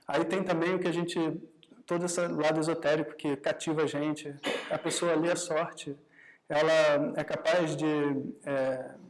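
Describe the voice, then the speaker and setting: In a low-quality recording, a meditation teacher from Brazil with a slightly high voice runs a live workshop in an easy, conversational manner. He keeps checking in with listeners, frequently using tag questions, and now and then performs brief bits of quoted dialogue himself.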